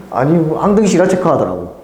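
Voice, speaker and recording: A man teaching high school math in a casual, chatty lecture, often mimicking students in a high squeaky voice. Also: very animated, normal speed, a little mellow. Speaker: math tutor. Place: classroom. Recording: echoey classroom.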